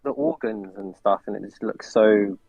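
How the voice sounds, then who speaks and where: A man's voice: fairly low pitch, moderate pace, vocal fry, a little mellow, lo-fi sound. A man co-hosting a casual hobby chat, throwing in playful asides and curious questions. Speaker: co-host.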